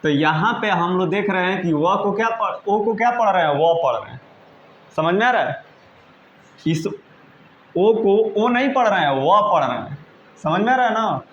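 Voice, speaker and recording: A male teacher giving a patient, repetitive lesson, often checking that students follow and spelling words out slowly letter by letter. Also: high voice, animated, fairly bright tone. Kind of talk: classroom-style lesson in Hindi. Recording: roomy, dull lo-fi sound with faint noise.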